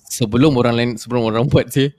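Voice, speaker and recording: A middle-aged man with a Singaporean accent co-hosting an informal live-stream chat, explaining things haltingly with repeated words and switching into English. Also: mid-range voice, steady tone, a little mellow. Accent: Singaporean Malay-speaking. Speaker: co-host presenting online Islamic courses.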